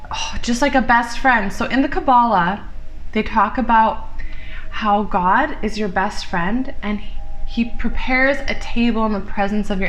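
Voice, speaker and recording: A woman giving a casual tarot reading to viewers, chatty and blunt, with some swearing. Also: mid-range voice. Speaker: tarot reader.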